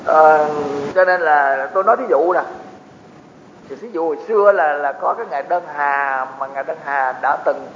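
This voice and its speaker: A man's voice: fairly high pitch, moderate pace, a bit bright. A man giving a Buddhist dharma talk, explaining teachings with folksy asides to his audience. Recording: echoey hall, dull lo-fi with faint noise.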